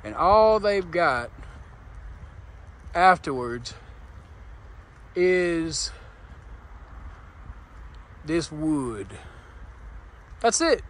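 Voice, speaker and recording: At night on a roadside, a truck driver films himself on a handheld phone, chatting with viewers in a folksy, informal way as vlog narration. His voice is sing-song and a bit bright, extremely slow with long pauses, and a rumbling truck engine and other vehicle noise are clearly heard behind him.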